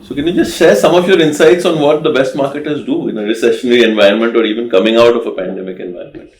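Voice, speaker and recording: A male interviewer poses thoughtful questions and keeps up soft murmurs of agreement as his guest talks. His voice carries a noticeable room echo. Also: mid-range voice, racing. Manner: frequent soft affirming murmurs. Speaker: dean, interviewer. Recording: roomy echo.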